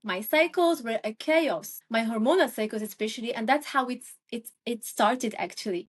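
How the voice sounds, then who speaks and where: A woman's voice: a little high, normal speed, husky. A young woman from Morocco, a guest in a casual interview, talking with many fillers and restarts. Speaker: guest, Ayurvedic practitioner.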